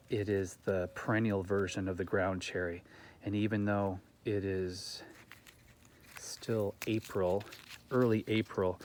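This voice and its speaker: Man, gardening vlogger, low voice, earnest, reflective, rhetorical questions, outdoors in garden. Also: slight background noise. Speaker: gardening channel host. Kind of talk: reflective talk to camera.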